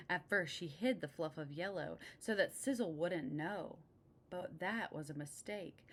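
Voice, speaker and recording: A woman reading a picture book aloud expressively, adding casual asides about the pictures. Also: on the low side.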